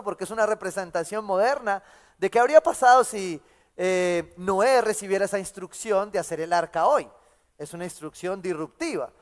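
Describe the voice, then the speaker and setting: A man with a Colombian accent preaching a sermon as pastor, who asks "¿sí?" after nearly every phrase and slows down to stress key words. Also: sits high. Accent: Colombian Spanish. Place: church hall. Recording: church hall reverb.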